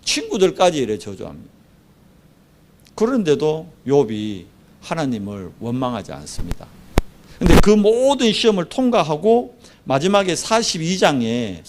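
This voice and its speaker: A man's voice: fairly high pitch, darkish tone. A male pastor from the southeast of Korea, preaching a sermon and telling the story vividly, acting out the dialogue.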